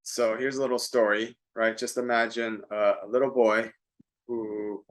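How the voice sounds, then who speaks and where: Man, casual self-help co-host, mid-pitched voice, chatty storytelling. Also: level tone, a little slow. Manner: storytelling, conversational, many fillers.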